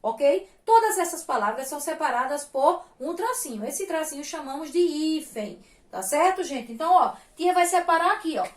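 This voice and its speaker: A woman teaching young children with a Brazilian Portuguese accent, patient and sing-song, spelling syllables out slowly. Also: high voice, animated, echoey room. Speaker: primary school teacher. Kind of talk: recorded lesson for young children.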